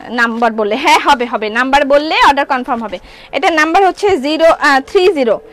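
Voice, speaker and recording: A woman's voice: high-pitched, lively intonation, a little fast, a bit bright. A woman hosting a live clothing sale, chatting playfully and reading out viewers' comments. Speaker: online clothing shop live seller. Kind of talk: live-stream sales chat.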